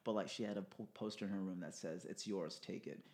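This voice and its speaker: A man co-hosting a casual podcast, telling a story in a lively way and now and then breaking into loud, laughing bursts. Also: sits low, fast, roomy sound. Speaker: podcast co-host.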